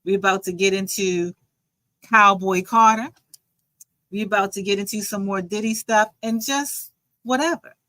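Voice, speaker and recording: A woman's voice: medium pitch, steady tone, a little fast, a bit bright, no room sound, rough recording. A woman casually chatting on her livestream, rambling and reading viewer comments aloud as host. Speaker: livestream host and joy coach.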